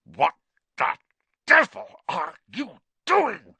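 A man's voice: mid-range voice, big pitch swings, unhurried, pushed and bright, slightly rough, no room sound, pitched above the performer's own voice, exaggerated voice. A man voicing a blustering, bullying middle-aged uncle who snarls through gritted teeth. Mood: furious.

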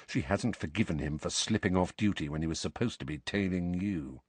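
A man reading an audiobook and voicing a guarded, wry grown man who talks low and stays calm. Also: a little fast, breathy edge, dry recording. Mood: muttering. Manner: low, muttering, cool and calm. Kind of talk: audiobook character voice.

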